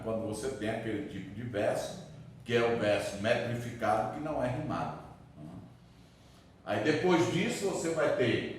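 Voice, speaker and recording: A man teaching a literature lesson, explaining step by step and checking in often with tag questions. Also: medium pitch. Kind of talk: distance-learning lecture. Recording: very echoey room, mic far off.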